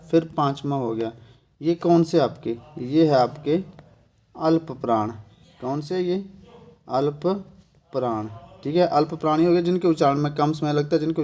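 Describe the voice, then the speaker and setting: A man's voice: on the high side, darkish tone. A man with a Himachali accent teaching an exam-prep grammar lesson, asking himself questions and checking in with "thik hai" after nearly every point. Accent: Himachali Hindi.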